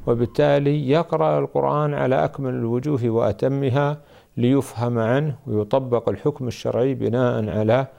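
Gravelly, dark-voiced male scholar. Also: medium pitch, fairly even intonation. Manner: measured, explanatory. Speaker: Islamic scholar. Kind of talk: religious Q&A answers.

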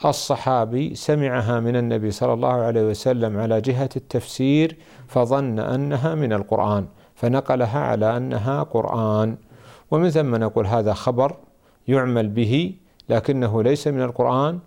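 A man answering religious questions as a scholar, measured and explanatory. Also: mid-range voice, gravelly, warm tone. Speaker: Islamic scholar.

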